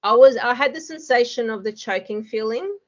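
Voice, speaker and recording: A woman's voice: on the high side, fairly quick, highs cut off. A woman, a hypnosis student, chatting casually in an interview with lots of fillers and frequent laughs.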